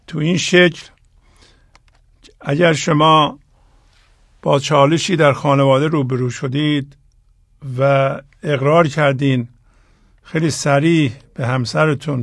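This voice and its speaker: A man hosting the show, speaking to listeners in a slow, deliberate way and stressing key phrases. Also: a little high, vocal fry, no echo, clean studio sound. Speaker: host. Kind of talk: reflective talk to listeners.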